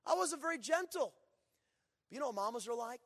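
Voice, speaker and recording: A man in his forties preaching a sermon in a church, telling folksy stories and swinging from loud to hushed. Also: very high voice, expressive, a little fast. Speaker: pastor. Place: church sanctuary. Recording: long church reverb.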